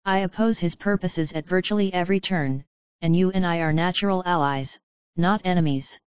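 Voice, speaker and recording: A woman's voice: fairly low pitch, moderate pace, clear, resonant tone, dry recording, dull audio, natural voice. A woman voicing a clever, blunt teenage boy wizard in a dry, matter-of-fact way, in a storybook reading.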